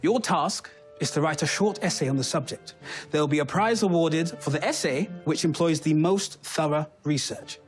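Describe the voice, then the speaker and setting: A man's voice: a little high, moderate pace, faint music behind, close to an everyday voice. A British man playing an enthusiastic, theatrical history teacher addressing his class in a period school drama. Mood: formal.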